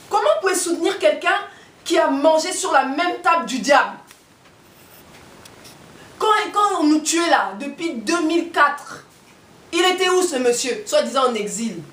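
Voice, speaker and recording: A woman's voice: sits high, reverberant, far from the mic. A woman giving an impassioned political and spiritual monologue, firing off rhetorical questions and repeating her points for emphasis. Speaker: activist speaker.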